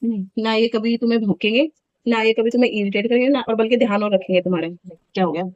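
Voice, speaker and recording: A woman's voice: on the high side, steady tone, quick pace, a little mellow, dry recording, highs cut off. A woman in her thirties chatting casually in a home vlog, telling a story in an indignant, talkative way. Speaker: vlogger.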